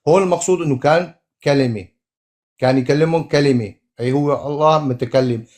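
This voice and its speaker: A man arguing his side in a religious debate, halting and stammering as he searches for words. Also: on the high side, darkish tone. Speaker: debate opponent.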